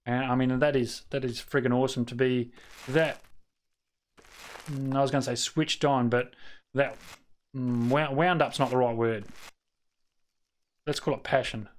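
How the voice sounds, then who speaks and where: An Australian man chats casually with his live-stream viewers while gaming, rambling with many fillers and restarts and muttering at the game. His mid-range voice is steady and a little slow, with long pauses.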